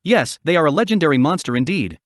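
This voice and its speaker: A man's voice: a little high, animated, fast talker, no echo, clean studio sound, natural voice. A man voicing a pompous, solemn male penguin demon in an audiobook reading, with a grandiose, declaiming delivery.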